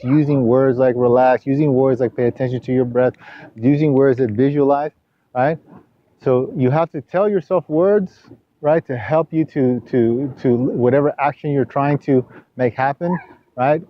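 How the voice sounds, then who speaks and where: Male coach, mid-pitched, rambling instructive talk, muffled lo-fi recording. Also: normal speed, dry recording. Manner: rambling, repeats himself with many restarts; rises loud and high when scolding. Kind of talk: sports coaching session. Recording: dull lo-fi camera audio.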